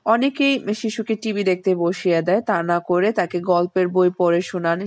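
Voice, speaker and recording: Woman host, mid pitch, dry close voice-over, steady instructive delivery of parenting tips. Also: no echo.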